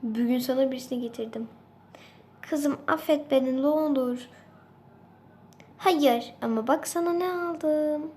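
A woman's voice: high voice, unhurried, pauses often, darkish tone. A woman voicing a remorseful father in a game role-play, talking in a meek, apologetic way. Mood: pleading. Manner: pleading, apologetic. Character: remorseful father trying to win back daughter.

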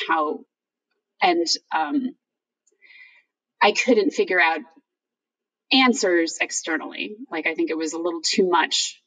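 A middle-aged woman talking candidly on a video call, telling personal anecdotes in a halting, informal way as she thinks aloud. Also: fairly low pitch, a bit bright. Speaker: guest author. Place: room by a bright window, indoors. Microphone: video call, distant computer microphone. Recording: distant video-call microphone.

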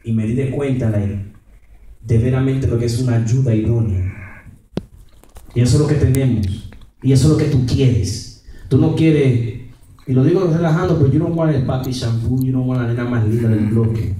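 A man's voice: mid-range voice, normal speed, mellow. A man preaching a storytelling sermon, mixing two languages mid-sentence and laughing often as he tells his stories. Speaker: evangelist preacher. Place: coffee house gathering. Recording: very roomy sound from far off.

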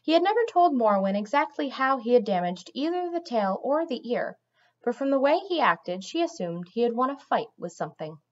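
Woman audiobook reader, lively and animated storybook narration, muffled lo-fi home recording. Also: on the high side, brisk.

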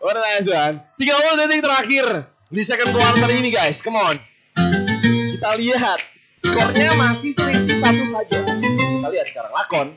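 A commentator hoarse from yelling, calling live basketball in an informal, exclamatory way with English phrases mixed in. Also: mid-range voice, big pitch swings, moderate pace. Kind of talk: excited live sports commentary. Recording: dull lo-fi broadcast sound, loud music behind.

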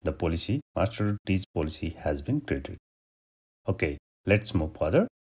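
Low husky guy from nepal walking through a software tutorial step by step, voice swings up and down a lot. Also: normal speed. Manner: steady step-by-step instructions. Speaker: tutorial host. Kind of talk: screen-recorded software tutorial.

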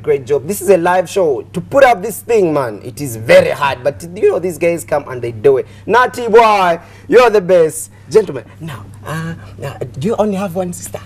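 A young man with a Ugandan accent hosts a casual TV studio interview in a fairly high, slightly mellow voice. He's chatty and repetitive, dropping "you know" throughout, and background noise is clearly audible.

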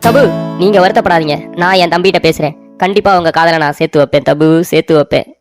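A woman's voice: on the low side, fast talker, soft background music, natural voice. A woman voicing a bossy, melodramatic older brother in a cartoon story, talking in a scolding, blustering way. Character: bossy, self-pitying elder brother, grown man.

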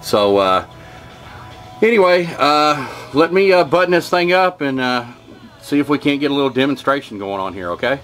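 A man's voice: mid-range voice, animated, normal speed, a bit bright, faint music behind. A man, an HVAC technician giving a folksy, rambling how-to demonstration in his home workshop. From Kentucky. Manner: folksy, rambling, lots of "uh" and "okay, y'all". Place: home workshop with wood-paneled walls.

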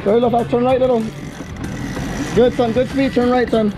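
A man in his thirties, a fishing charter captain, urging anglers on with steady repeated commands while fighting a fish. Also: very high-pitched, moderate pace. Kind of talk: coaching anglers through a fight. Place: open deck of a charter boat at sea. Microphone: action camera on the boat. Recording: loud wind and engine noise on a boat.

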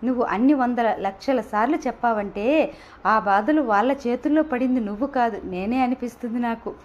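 Breezy young woman student, teasing and flippant, read by a woman narrator, light high voice, muffled lo-fi sound. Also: moderate pace, natural voice.

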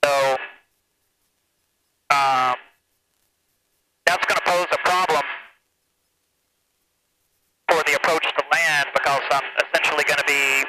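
An American man in his thirties talking like a pilot over the radio, giving measured, hesitant, matter-of-fact flight commentary into a headset mic. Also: on the high side, steady tone. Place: open cockpit of a small light aircraft. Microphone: aviation headset boom mic. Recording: noisy cockpit headset intercom audio.

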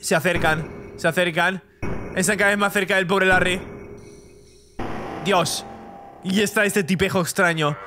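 A man's voice: sits high, steady tone, unhurried, long pauses, noisy background. A young man, chatting through a video game and reading its text aloud. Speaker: gaming YouTuber. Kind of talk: let's play commentary.

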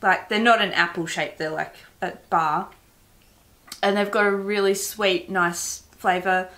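A chatty Australian woman hosting a relaxed snack-tasting video. She keeps talking even with her mouth full, in an easy, casual way. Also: medium pitch, a little slow. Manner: chatty, talks while chewing. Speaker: host.

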